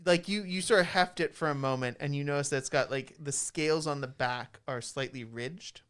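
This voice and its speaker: Smooth-voiced man running a tabletop game. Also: on the high side, a little fast, fairly bright tone. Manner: loose, improvised description full of fillers. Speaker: game master. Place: college radio studio.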